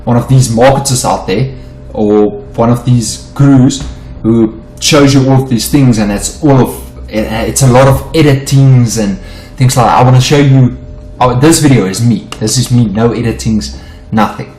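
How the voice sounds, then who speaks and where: This forex trading lesson is an unedited screen-share chart walkthrough by a middle-aged South African whose mother tongue is Afrikaans. His mid-range voice is a little mellow and moderately paced, and he stumbles and repeats himself. The recording is rough, with an echoey room and faint background music.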